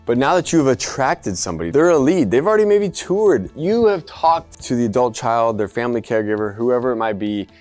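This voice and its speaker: Man in his own voice, mid pitch, talking shop to camera, loose and emphatic, soft music in the background. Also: big pitch swings, fairly quick, few pauses. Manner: conversational and emphatic, jokey asides. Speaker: adult day care business coach. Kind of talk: casual advice talk to camera.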